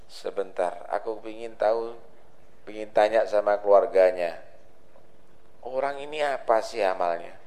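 A man's voice: lowish voice, unhurried, pauses often, darkish tone. A man preaching a dawn sermon, telling stories and acting out the people in them. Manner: dramatic storyteller, voices the people in his tales.

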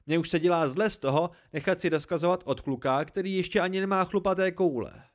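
A man voicing a gruff, quarrelsome male mercenary who grumbles and provokes in an amateur storybook reading. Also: medium pitch, expressive, darkish tone, lightly acted. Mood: grumbling.

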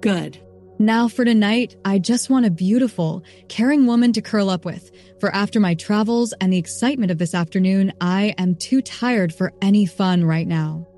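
A stern lord gives firm orders in a steady, mid-pitched voice, as a woman reads him aloud. He is commanding yet kind. It sounds like a storybook reading with faint music underneath. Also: normal speed, close to an everyday voice. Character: stern but kind man, a knight-like lord.

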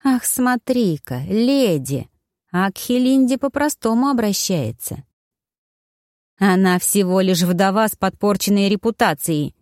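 Чтица изображает капризная баронесса-интриганка. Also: female voice, mid-range voice, moderate pace, darkish tone, no room sound, studio quality, lightly acted. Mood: sneering. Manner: indignant, whining, sneering. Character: spoiled scheming young baroness, whiny and sharp-tongued.

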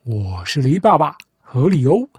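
A podcast host's slightly high, slightly mellow voice is very animated as he retells fairy tales at a moderate pace with playful, teasing, mock-reasonable commentary. Guitar music plays, and there's slight background noise.

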